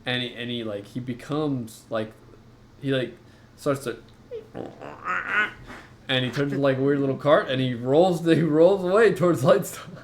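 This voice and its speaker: A man narrating a tabletop game as game master, halting and full of fillers. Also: medium pitch, slight background noise.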